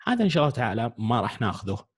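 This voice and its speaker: A man's voice: mid-range voice, very animated, husky. A man teaching English grammar step by step, often stopping to ask whether his students follow. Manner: explains step by step, often checks understanding with quick questions. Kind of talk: classroom grammar lesson.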